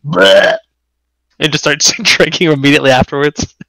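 A man's voice: fairly high pitch, a little fast, fairly bright tone, dry recording, low-quality recording. A young man swapping stories in a casual chat, swearing a lot and laughing between lines. The recording is dry and close, with no room sound.

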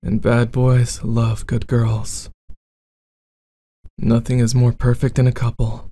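Man playing a slow, mellow bad-boy boyfriend. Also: mid-range voice, monotone. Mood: possessive, protective. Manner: intimate, slow, demanding. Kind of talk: ASMR boyfriend role-play, addressed to listener.

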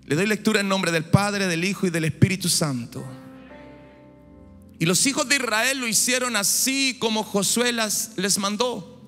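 On a large church stage, a pastor in his forties who was born in Chile preaches fervently into a handheld mic before a big congregation. His high voice moves at normal speed, swelling into shouts and exclamations. Sound echoes through the hall with music in the background.

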